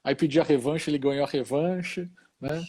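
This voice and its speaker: A man's voice: on the high side, moderate pace, darkish tone, slightly rough. A middle-aged Brazilian man, a hospital chaplain, telling a story in an easygoing, casual conversation and tagging many phrases with short questions.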